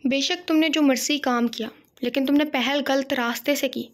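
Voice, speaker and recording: A woman's voice: high-pitched, fairly even intonation, normal speed, lightly acted. A woman voicing a sorrowful mother who speaks in a heavy, admonishing tone to her grown son. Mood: mournful reproach.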